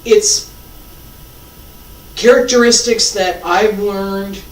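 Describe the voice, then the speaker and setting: A middle-aged or older tai chi instructor giving calm, unhurried movement cues and teaching in short, sparse phrases. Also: medium pitch. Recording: echoey room, distant mic, faint noise.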